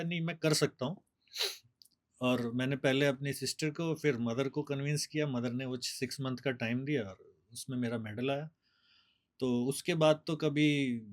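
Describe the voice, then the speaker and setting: A man, a bodybuilder guest telling his story in a steady, explaining way. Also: fairly high pitch. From Delhi, India. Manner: steady, explanatory, mixes English words. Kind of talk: casual interview storytelling.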